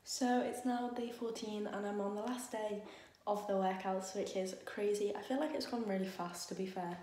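A woman's voice: medium pitch, fairly even intonation, normal speed, mellow, soft background music. A young woman vlogging casually from her bedroom, rambling with lots of "like" and "um". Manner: chatty, rambling, many fillers like "like" and "um". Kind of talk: casual vlog chat. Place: bedroom at home. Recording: echoey room, faint noise.

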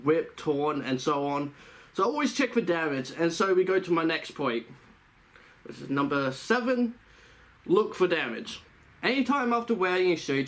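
A man's voice: sits high, a bit bright. A man giving casual tips to the camera, talking through a costume head in a chatty, rambling way that often corrects itself. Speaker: fursuit vlogger.

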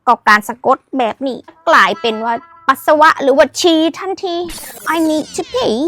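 A woman's voice: high voice, fairly quick, pushed and bright. A woman teaching a playful language lesson, teasing and mixing in English phrases. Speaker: language tips host.

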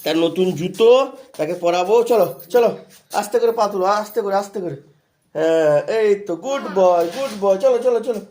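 A man filming a home vlog, narrating to viewers and coaxing his little son in gentle baby talk. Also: sits high, normal speed. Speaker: vlogger and father. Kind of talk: casual family vlog narration. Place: home at night, indoors and at the gate.

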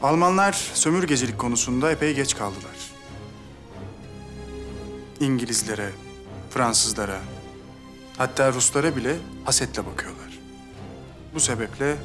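A man acting a grave sultan in a historical drama. His medium-pitched voice is stately and deliberate, each phrase formally placed. Clear music plays behind him. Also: close to an everyday voice. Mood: grave, calculating. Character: grave, dignified male Ottoman sultan. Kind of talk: period TV drama dialogue.

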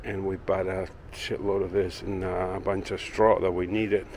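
A man with a deep, creaky voice talks at a moderate pace while giving a casual tour of his backyard garden and then his indoor workshop, holding the camera himself. He runs a woodworking channel and rambles in a relaxed, filler-heavy way, with slight background noise.

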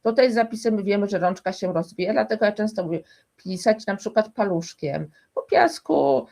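A woman's voice: medium pitch, lively intonation, moderate pace, gravelly, mellow. A woman speaking as a guest expert in a conversational interview, explaining emphatically and restarting often.

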